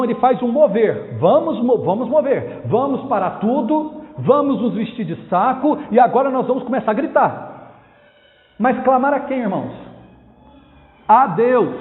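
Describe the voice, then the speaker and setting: A man preaching an expository sermon as pastor, emphatic, asking rhetorical questions and repeating key phrases. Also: high-pitched. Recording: tinny phone-like sound with long hall reverb.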